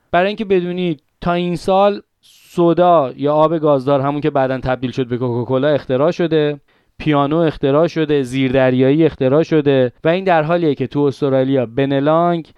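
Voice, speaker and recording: Smooth-voiced male podcast storyteller. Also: a little high, darkish tone, no echo. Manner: dramatic, conversational storyteller with asides to listeners. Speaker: podcast host. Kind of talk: scripted storytelling narration.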